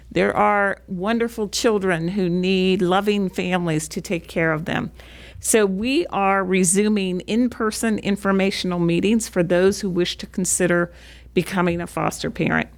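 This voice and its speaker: A woman with a Midwestern American accent addresses a county meeting as commissioner. Her voice sits low and crackles with fry. She pleads earnestly, piling up repeated requests. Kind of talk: public meeting remarks.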